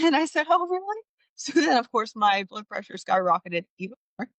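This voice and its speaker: A woman's voice: medium pitch, normal speed, dry recording. A woman in her thirties, a podcast guest, sharing candid stories with frequent laughs and restarts. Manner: animated, laughing, many restarts. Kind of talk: candid storytelling chat.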